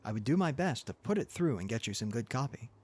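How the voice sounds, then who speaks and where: A man's voice: mid-range voice, sing-song, fast talker, darkish tone, breathy edge. A man voicing an earnest, polite young newspaper reporter who is keen for adventure, in an audiobook story. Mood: eager, pleading.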